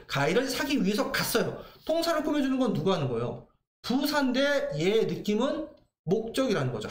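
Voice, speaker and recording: A man teaching English grammar in a lively lecture, asking questions and answering them himself. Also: sits high, reverberant. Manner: lively, asks and answers his own questions.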